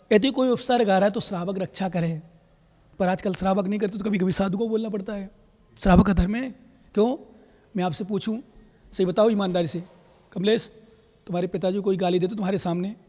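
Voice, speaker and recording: A man with a very high voice preaches as a monk. He questions his listeners directly and plays out little quarrels as examples, and his words ring out in a long hall reverb. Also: a little mellow, slight background noise. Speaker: Jain monk giving a discourse. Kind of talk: sermon.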